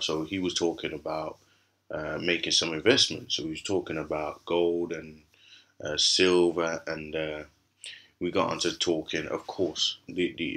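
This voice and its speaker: The host of a crypto channel rambles through casual commentary over a screen recording, with plenty of fillers and restarts. His voice is very low and raspy, hoarse from a cough, yet his tone stays bright and forceful.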